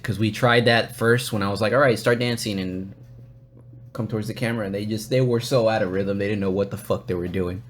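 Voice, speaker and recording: A man hosting a podcast, telling a long story in loose, casual talk. He swears freely and keeps slipping into the voices of the people he describes. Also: medium pitch. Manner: profane, animated, acts out quotes. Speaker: podcast host.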